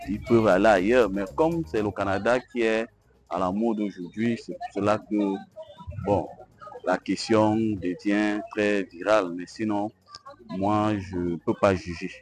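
A young man, answering deliberately on the street. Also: fairly low pitch, soft background music. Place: outdoors, street. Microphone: lapel.

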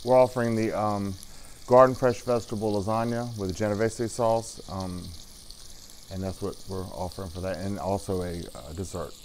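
A middle-aged man, an executive chef, talking through a dish while cooking at a studio stove, casual and halting with lots of ums. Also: lowish voice, steady tone, a little hiss or hum. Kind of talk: cooking demo interview.

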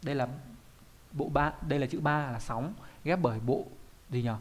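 A man's voice: mid-range voice, normal speed. A man, a Japanese teacher explaining kanji in an online lesson, often asking questions and answering them himself.

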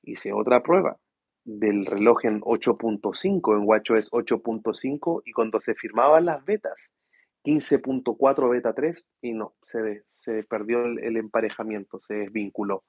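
Tired, soft-spoken man. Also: fairly low pitch, normal speed, husky, no room sound, highs cut off. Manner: speaks softly to avoid waking his children. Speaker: host of a tech livestream. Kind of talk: casual live chat reading viewer questions. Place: room at home at night.

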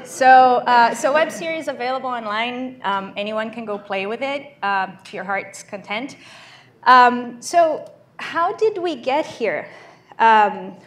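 Her voice sits on the high side, expressive, slow and a bit bright, as this Brazilian-accented keynote speaker walks a large lecture hall through a live demo. The delivery stays conversational and explanatory, peppered with ums.

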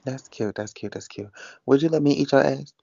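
A man's voice: medium pitch, brisk, creaky, darkish tone, slightly rough, dry recording, lo-fi sound. A man from Mississippi, hosting a livestream with crude, teasing, swear-heavy banter. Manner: brash, teasing, swears a lot. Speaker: livestream host.

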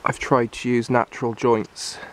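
A man giving a relaxed, explanatory walkthrough of his camp on a wooded hillside, recorded on a handheld camera. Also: mid-range voice, unhurried, a little hiss or hum. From Ireland. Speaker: bushcraft instructor. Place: hillside woodland outdoors.

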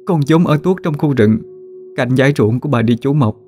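A man's voice: mid-range voice, expressive, brisk, dark tone, close to an everyday voice. A man voicing a frightened young peasant woman working as a nursemaid, pleading and stammering.

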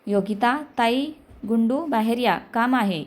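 Brief: woman storyteller voicing a brisk middle-aged uncle, storybook reading. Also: a little high, natural voice. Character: middle-aged man, the maternal uncle, matter-of-fact.

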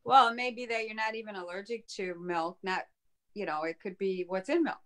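A woman on a video call keeps the talk moving with quick "yeah"s, "right"s and short questions, and now and then tells a longer point of her own. Her pitch sits in the middle range for a woman. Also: fairly bright tone. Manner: affirming, chiming in with short agreements. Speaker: co-presenter. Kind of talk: casual chat on a video call.

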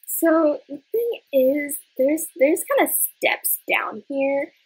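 A woman hosting a Minecraft channel, chatting casually through co-op gameplay and shout-outs, giggly and hesitant, full of "um" and "like". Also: sits high, lively intonation, slow pace. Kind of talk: casual gameplay chat and video outro.

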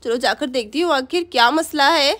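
A woman voicing a busy village mother in a doll story, scolding, hurried and fond. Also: sits high, fairly bright tone, pitched below the performer's own voice.

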